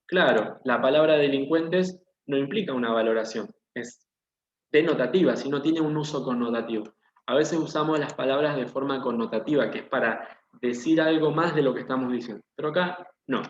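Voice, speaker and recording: A brisk man with a medium-pitched voice teaches an online class, explaining patiently and posing questions to his students. The audio is dull and echoey, carrying a slight hiss or hum.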